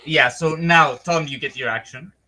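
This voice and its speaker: A man's voice: fairly high pitch, normal speed, crowd noise. A man with a wry, amused way of talking, casually game-mastering a tabletop fantasy game.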